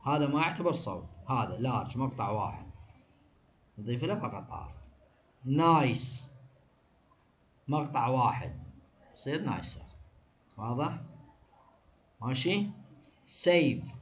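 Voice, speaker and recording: A man with an Iraqi Arabic accent teaching an exam review, firing quick questions and answering them himself. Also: medium pitch, lively intonation. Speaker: English teacher.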